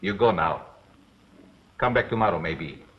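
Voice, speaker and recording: Very old, slow-talking shopkeeper. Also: male voice, low voice, expressive. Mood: evasive, wary. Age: older. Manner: very old man, halting broken English. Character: very old, evasive, wary male herb shop keeper. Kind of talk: 1930s film acting. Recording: dull vintage film soundtrack.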